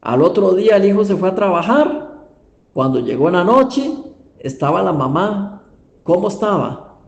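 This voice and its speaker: A man's voice: high voice, big pitch swings, normal speed, creaky, echoey room, highs cut off, a little hiss or hum. A male pastor telling a sermon story in church, emphatic and full of rhetorical questions.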